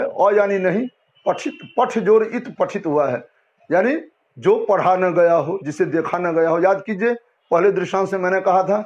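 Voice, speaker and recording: A man teaching a Hindi language lesson to students, explaining patiently and often asking and answering his own questions. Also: sits high. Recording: dull lo-fi sound.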